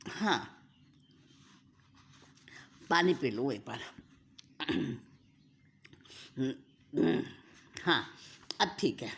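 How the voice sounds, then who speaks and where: A woman's voice: low voice, breathy edge, full character voice. A woman voicing a caring older sister who speaks in a soothing, coaxing way.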